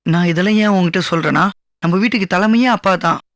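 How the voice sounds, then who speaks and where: An actor playing a young husband in a TV serial, gently reassuring his wife. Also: high voice, quick pace, dry recording, clean studio sound. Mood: consoling. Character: young husband, calm and consoling. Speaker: husband of Kamu. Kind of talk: Tamil TV serial acting.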